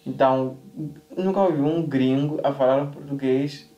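A man's voice: mid-range voice, measured pace, dark tone, far from the mic, highs cut off. A Mozambican-accented man hosting a casual reaction chat, talking and asking questions. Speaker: reaction video host. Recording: roomy, off-mic sound.

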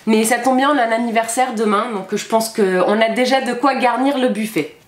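A woman hosting a casual food-tasting vlog with her child, playful and animated, laughing often. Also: a little high, fairly quick. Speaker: vlog host, mother. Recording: echoey room with background noise.

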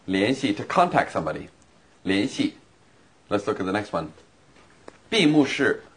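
A man's voice: lowish voice, big pitch swings, normal speed, a bit bright, breathy edge. A man teaching vocabulary and grammar in a lesson, explaining patiently with examples. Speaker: language teacher.

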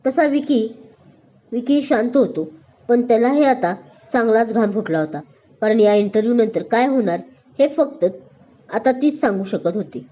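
Woman narrating a story, higher voice, lo-fi. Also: animated, normal speed, warm tone. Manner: reads all characters with small voice shifts.

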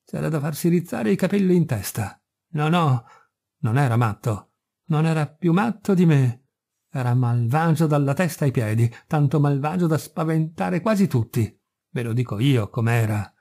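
A raving, feverish first mate spits scorn and mockery at the crew, as a man reading the story voices him. The voice is gravelly and dark, climbing into shrill, taunting shrieks. It sounds like a classic audiobook performance. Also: lively intonation, moderate pace. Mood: brooding menace. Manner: ranting, mocking, shrill when furious. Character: delirious sick first mate, male, spiteful and unhinged.

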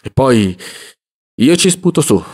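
A man's voice: mid-range voice, big pitch swings, takes it slowly, darkish tone, breathy edge, exaggerated voice. A man voicing a brooding, poor young student who answers curtly and reluctantly. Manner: curt, reluctant replies.

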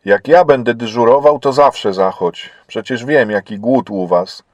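A man's voice: mid-range voice, unhurried, no echo, highs cut off, close to an everyday voice. A man voicing a kindly male soldier guarding a prison camp, in a read-aloud story.

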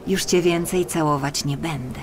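Woman playing the Snow Queen, low-pitched, coaxing. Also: steady tone, normal speed, background noise, natural voice. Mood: coaxing, cool. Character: tall icy snow queen, commanding and coaxing.

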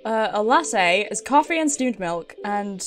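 With game music behind her, a British game streamer plays and comments live in a casual, playful way, reading dialogue out loud, giggling, and swearing a little as she talks to herself. Her voice is medium-pitched, expressive, and a little slow.

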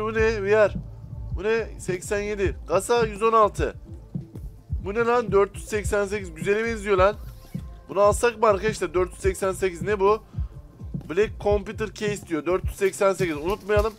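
A man casually commenting as he plays a simulator game, chatting to viewers and to the characters, and bursting out loudly when annoyed. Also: high voice. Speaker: gaming streamer. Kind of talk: casual let's-play commentary.

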